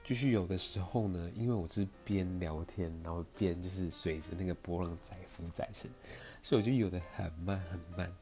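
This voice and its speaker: A man's voice: deep voice, brisk, few pauses, warm tone, soft background music. A young man with a Taiwanese Mandarin accent, telling a personal story in a chatty, meandering podcast style full of fillers. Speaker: podcast host.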